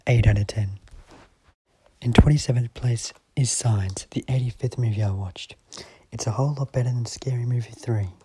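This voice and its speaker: A young man narrating a movie countdown in scripted voice-over, with a dry, deadpan delivery that often drops to a half-whisper. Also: on the low side, husky, no echo, low-quality recording. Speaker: movie ranking vlogger.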